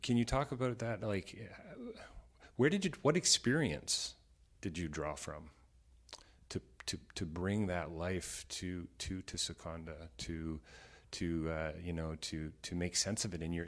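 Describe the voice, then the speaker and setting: A man's voice: deep voice, animated, measured pace. A man hosting an interview podcast, asking long rambling questions full of restarts and praise. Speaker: podcast host. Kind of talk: interview chat.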